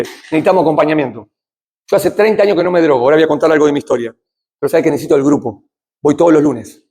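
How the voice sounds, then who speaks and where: A middle-aged Argentine man with a Rioplatense accent gives a talk on addiction in church. His voice sits high for a man and has a husky, breathy grain. He talks to the room like a conversation, asks questions, and moves from loud to hushed. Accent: Rioplatense Spanish. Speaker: addiction recovery speaker.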